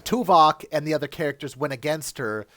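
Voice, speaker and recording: A man co-hosting a casual chat, retelling stories in an animated way. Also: a little high, brisk, no room sound. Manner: animated storytelling. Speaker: co-host.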